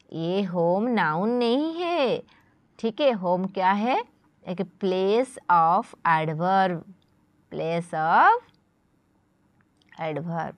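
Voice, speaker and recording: A woman teaching an English grammar lesson, addressing her students as children and saying the English examples slowly and with stress. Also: fairly high pitch, no echo.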